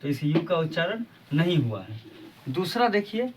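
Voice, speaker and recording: A man's voice: on the high side, very animated, normal speed, recorded from a distance, noisy background. A man teaching English pronunciation rules on his video channel, patiently repeating each example and asking rhetorical questions. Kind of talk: explaining a lesson on his channel.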